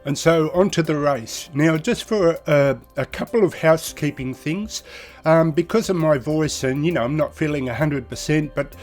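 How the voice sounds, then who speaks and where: A man's voice: on the high side, moderate pace, darkish tone, soft background music. A man hosting his sim racing channel in a casual, chatty way, his voice nasal and congested from a head cold. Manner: chatty, rambling, enthusiastic. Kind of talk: casual video commentary.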